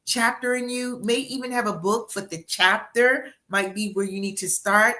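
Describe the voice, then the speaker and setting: A woman's voice: medium pitch, fairly even intonation, normal speed, sharp tone. A woman in her sixties hosting a livestream interview as a book coach, upbeat and encouraging, often repeating herself on a video call. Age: 60s.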